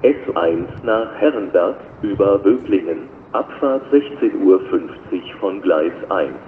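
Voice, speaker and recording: A man working as a railway station announcer, reading flat, scripted platform announcements in a measured, formal way. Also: low-pitched. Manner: measured, formal, flat delivery in set phrases. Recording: dull lo-fi recording with loud station noise.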